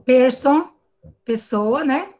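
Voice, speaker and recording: A woman's voice: sits high, lively intonation, drawn-out words, darkish tone. A woman with a Brazilian Portuguese accent teaching an online class over a video call, explaining patiently and often checking in with tag questions. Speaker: English teacher.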